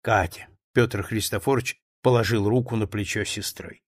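A man's voice: lowish voice, fairly even intonation, normal speed, no room sound, studio quality. A man narrating a novel as an audiobook, reading expressively.

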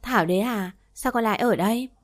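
A woman voicing a gentle, firm old grandfather spirit in a storybook reading, speaking softly and urging. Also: on the high side, fast talker, faint music behind, natural voice.

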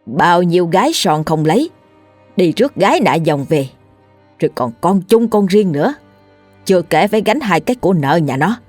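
A woman's voice: on the low side, very animated, normal speed, a little mellow, no room sound, soft background music. A woman voicing a nagging old village mother. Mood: scolding. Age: older. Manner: nagging, scolding. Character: scolding old village mother, stubborn and wailing. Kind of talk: storytelling.

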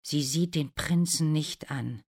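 A woman reading a fairy tale aloud in a clear, deliberate way. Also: low voice, darkish tone. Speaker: narrator.

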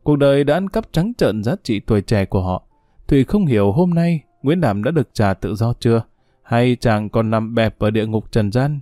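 A man reads a melodramatic story with lots of feeling. His voice is mellow and varies widely in pitch. It is a close, dry recording with soft music underneath. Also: moderate pace, dry recording. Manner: expressive, emotive. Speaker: narrator. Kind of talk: dramatic audiobook narration. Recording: dry studio voice over faint music.

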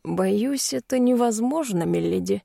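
A woman performs a formal male lawyer who reads out the law in a measured, categorical way. The audiobook read sounds dry and close. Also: mid-range voice, expressive, creaky, dark tone, dry recording, heavily acted. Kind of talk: audiobook voice acting.

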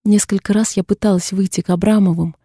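A woman's voice: mid-range voice, fairly even intonation, fast talker, dark tone, slightly rough, no room sound, studio quality. A woman reading a first-person novel aloud as an audiobook narrator, in a subdued, introspective way. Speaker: audiobook reader.

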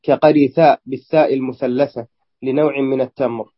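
A man reads a classical grammar text aloud in class, going slowly and sometimes restarting a word. His voice is husky and sits at a middle pitch. The recording is muffled and lo-fi. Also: steady tone. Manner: careful reading with small slips and restarts. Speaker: student reading the text aloud.

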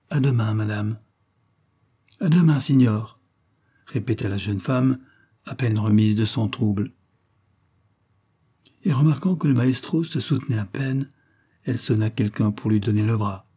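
Husky, dark-voiced male story reader. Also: fairly low pitch. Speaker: narrator. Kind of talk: audiobook reading of a 19th-century story.

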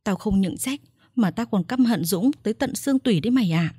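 A woman's voice: mid-range voice, lively intonation, a little fast, breathy edge, no room sound, studio quality. A woman voicing a young mother who has been tricked out of her baby, raging and sobbing. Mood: bitter, vengeful. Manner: shouting, sobbing, vengeful. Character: furious young mother, wronged mistress.

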